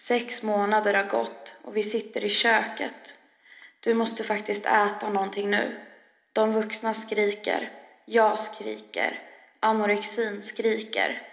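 A woman giving a slow, heavy first-person spoken-word reading. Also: medium pitch, vocal fry. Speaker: reader. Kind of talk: scripted spoken-word narration. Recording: echoey room with long reverb.

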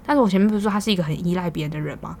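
A woman's voice: on the low side, racing, vocal fry, a little mellow, a little hiss or hum. A young woman with a Taiwanese Mandarin accent, hosting a podcast and telling a story in casual, exasperated venting, swearing now and then. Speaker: podcast host.

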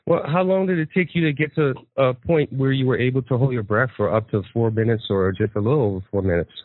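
A man's voice: mid-range voice, no echo. Male talk-radio host, friendly questioner, hesitant uhs, dry and tinny sound. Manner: halting, with uhs and quick laughs. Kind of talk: radio interview. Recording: tinny phone-like line, dry.

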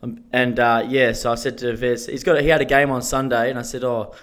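A man's voice: medium pitch, level tone, fairly quick, fairly bright tone. Laid-back man with a broad Australian accent. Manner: laid-back, blokey, slangy and sweary. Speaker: podcast co-host. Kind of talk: casual chat.

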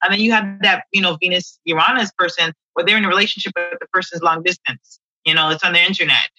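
This is a woman astrologer chatting casually on a podcast. Her voice is strikingly bright, and she talks in loose, rambling sentences full of fillers. The recording is close and completely dry. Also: fairly low pitch, fairly even intonation, fast talker, no echo, poor audio. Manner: chatty, frequent "you know" fillers.

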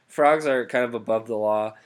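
A young man hosting a podcast, riffing absurd jokes in a deadpan way and laughing often. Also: medium pitch, normal speed, clean tone. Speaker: podcast host. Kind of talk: joking casual chat.

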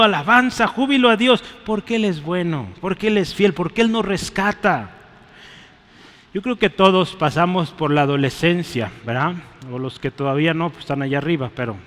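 A man's voice: a little high, a bit bright. A young man preaching a sermon to his congregation, chatty and full of questions to the listeners. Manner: conversational, asks the congregation questions, tag "¿verdad?". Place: church hall. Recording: long hall reverb.

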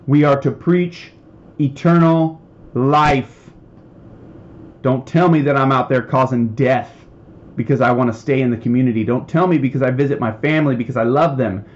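A man's voice: fairly high pitch, a little mellow, highs cut off. A man preaching a heated, emphatic podcast sermon, getting worked up as he talks.

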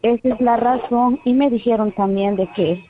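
A woman phones in to a health program, her words halting and full of restarts. Her voice comes through a thin, tinny phone line with a noisy hiss behind it. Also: fairly high pitch. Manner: hesitant, halting, many restarts. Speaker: caller. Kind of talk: phone-in call to a radio health show.

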